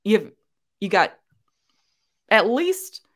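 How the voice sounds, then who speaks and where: Very animated but slow, with a medium pitch, a young podcast co-host chats casually, often restarting and filling pauses with fillers.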